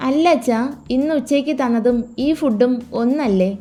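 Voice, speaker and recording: Brief: playful young daughter, affectionate and teasing, voiced by a woman reader; pitched well above the reader's own voice. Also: moderate pace, dark tone, close to an everyday voice. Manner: teasing, sweet.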